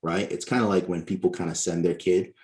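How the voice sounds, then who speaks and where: A man from Barbados, a guest author on a podcast interview, explaining his points in a measured way and often checking in with "right?". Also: deep voice, flat delivery, a little mellow.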